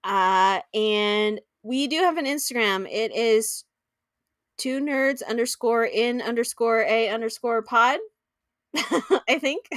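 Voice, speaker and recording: A woman with a slightly high, bubbly voice chats casually as a podcast co-host and gasps when something excites her. Her voice sounds tinny, as if it comes through a tin can on a makeshift microphone. The sound is dry and close, with no room echo. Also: slow pace. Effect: tinny, like talking through a tin can. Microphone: makeshift backup microphone.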